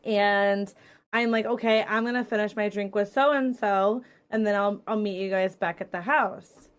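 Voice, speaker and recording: A young woman hosting a casual chat, telling a bar story in a profane, animated way. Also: mid-range voice, moderate pace. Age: young adult. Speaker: podcast host and streamer.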